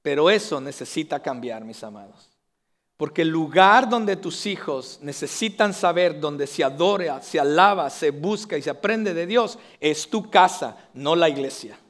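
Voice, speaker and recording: A man's voice: on the high side, expressive, normal speed, fairly bright tone. A male pastor preaching an earnest sermon to his congregation, building to emphatic declarations.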